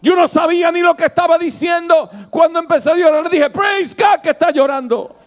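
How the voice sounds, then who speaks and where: High-voiced impassioned male pastor. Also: brisk. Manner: impassioned preaching, swings from hushed to shouting. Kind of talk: sermon.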